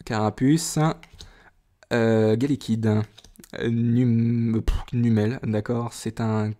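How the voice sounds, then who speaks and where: A man talks casually on camera as he opens a card tin. He keeps breaking into excited gasps of wonder and often stalls on fillers and restarts. His voice sits at an ordinary middle pitch. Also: slow. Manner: enthusiastic, often exclaims in wonder; hesitant, many fillers and restarts. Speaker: YouTuber opening a trading card tin. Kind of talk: casual unboxing commentary.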